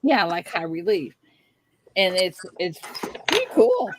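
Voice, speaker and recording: A giggly, easygoing middle-aged host chats with her live-stream viewers in a Texan Southern accent. Her lowish voice swoops wildly in pitch, and she speaks a little slowly. Background noise is audible.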